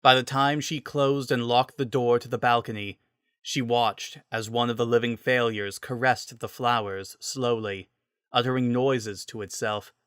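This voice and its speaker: A man's voice: mid-range voice, steady tone, unhurried, fairly bright tone, clear, resonant tone, no echo, studio quality. A man reading a scripted story as its narrator, in a dramatic style.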